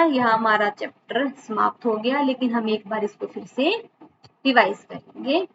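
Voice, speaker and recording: A woman teacher explaining a schoolbook story to children, reading each sentence and then saying it again in simpler words. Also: a little high. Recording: dull lo-fi recording with steady background noise.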